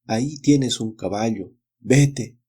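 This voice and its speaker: A man's voice: medium pitch, slow pace, a little mellow, breathy edge. A man voicing a greedy middle-aged son in a storybook reading, curt and commanding in his lines. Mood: harsh.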